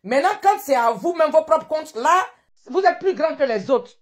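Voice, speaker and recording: A woman with an Ivorian French accent hosts a live-stream rant. Her voice sits high, and she scolds indignantly, firing the same rhetorical questions again and again. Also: animated, moderate pace.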